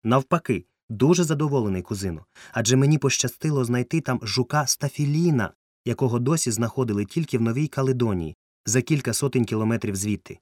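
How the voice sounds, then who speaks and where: A man's voice: mid-range voice, fast, a little mellow, dry recording, pitched above the performer's own voice, natural voice. A man voicing a fussy, eccentric male entomologist, pedantic and easily indignant, in a dry, close recording.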